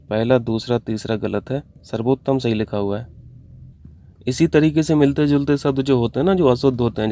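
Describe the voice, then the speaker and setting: A man's voice: mid-range voice, warm tone, dry recording. A man teaching an online exam-prep lesson, working through answer options step by step and mixing English terms into his explanations. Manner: mixes English terms into Hindi. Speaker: Hindi teacher.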